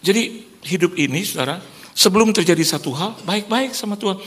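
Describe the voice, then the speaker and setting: A middle-aged male pastor delivers a lively sermon in a church, his pitch swinging widely as he jokes and acts out the voices in his stories. He talks straight to the congregation, with plenty of humor and energy. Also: fairly quick.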